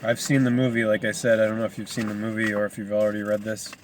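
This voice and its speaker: A man's voice: on the low side, completely flat delivery, fast talker, slight background noise. A man casually reading a book aloud, rambling into asides and stumbling over hard names. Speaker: reader.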